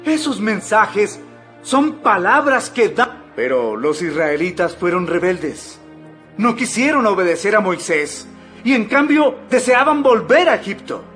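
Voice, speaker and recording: Impassioned high-voiced preacher Stephen. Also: male voice, sing-song, measured pace, fairly bright tone, full character voice. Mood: earnest, preaching. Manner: oratorical, emphatic, declamatory. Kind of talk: dramatized audio Bible acting. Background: background music.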